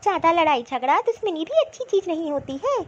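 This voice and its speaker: A woman's voice: very high voice, big pitch swings, fairly quick, highs cut off. A woman voicing a chatty, well-meaning middle-aged aunt in a cartoon, giving friendly advice. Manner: advising, friendly. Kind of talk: Hindi cartoon voice acting.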